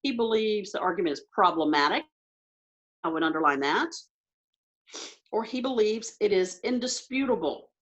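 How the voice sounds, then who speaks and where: A woman teacher talking quickly and thinking aloud as she walks through test questions on a video call. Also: medium pitch, expressive, dull audio. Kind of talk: recorded online lesson.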